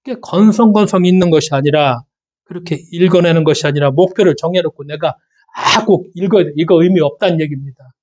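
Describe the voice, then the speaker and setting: A man with a notably high-pitched voice delivers a Sunday sermon as pastor. He talks in a loose, conversational way, asks his listeners questions and circles back to repeat key words for emphasis. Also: fast talker, a little mellow.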